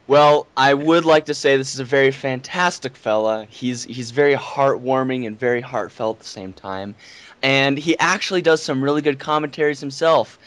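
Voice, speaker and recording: A man co-hosting a casual gaming podcast, playful and quick to laugh. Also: medium pitch, fairly bright tone, no room sound. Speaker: podcast co-host.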